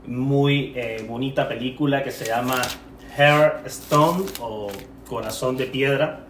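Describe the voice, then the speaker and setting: A man co-hosting a relaxed film-chat podcast, wandering through his points and stumbling over words. He sits back from the microphone in an echoey room. A faint hiss runs under his voice. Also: mid-range voice, takes it slowly, recorded from a distance. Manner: rambling, self-correcting, laughs often. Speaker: podcast co-host. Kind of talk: casual film-discussion podcast.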